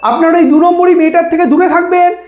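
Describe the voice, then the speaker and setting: Pompous crooked male politician played by a woman, high voice, declamatory rally delivery, echoey comedy sketch. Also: fairly even intonation, fast talker, a little mellow, slight background noise. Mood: boastful, persuasive. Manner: declamatory, grandiose. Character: pompous, corrupt male politician making grand campaign promises. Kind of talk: comedy sketch, mock election rally speech. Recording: echoey, reverberant voice.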